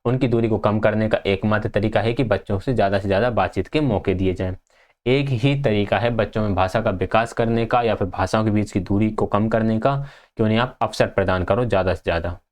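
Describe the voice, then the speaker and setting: Young male teacher, lowish voice, casual exam-prep explainer who reads notes then paraphrases. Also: a little fast, a little mellow.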